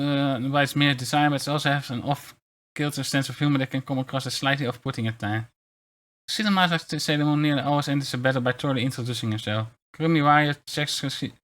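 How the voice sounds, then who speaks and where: A man gives casual livestream commentary in a mid-pitched, bright voice. He rambles along as he reads aloud and reacts, often stumbling over words and restarting. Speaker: VTuber streamer.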